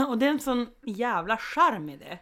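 A young woman co-hosting a casual chat with a bright, forward voice. She talks frankly, swears without fuss, and hesitates on fillers when she reaches for a memory. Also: on the high side. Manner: relaxed and frank, swears freely; hesitant fillers while recalling.

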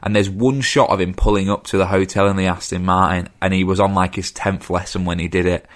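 A man, co-hosting a casual film chat and sharing trivia in a relaxed way. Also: deep voice, fairly quick. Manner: relaxed storyteller, shares trivia.

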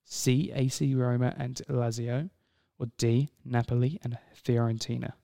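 A man co-hosting a casual podcast, reading out quiz questions with jokes and playful pauses. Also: medium pitch, fairly even intonation, gravelly, warm tone. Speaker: podcast co-host and quizmaster. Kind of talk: casual chat.

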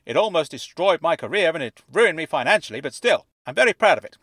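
A man voicing an excitable middle-aged newspaper writer with a fuzzy, wobbly, slightly distorted voice and a gushing way of talking. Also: a little high, quick pace, no room sound, voice pushed up, exaggerated voice. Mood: eager. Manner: effusive, gushing, rambles when excited.

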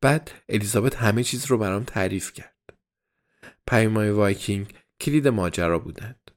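A man reading a story aloud as first-person diary narration, in a measured, even storytelling manner. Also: on the low side. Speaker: audiobook narrator.

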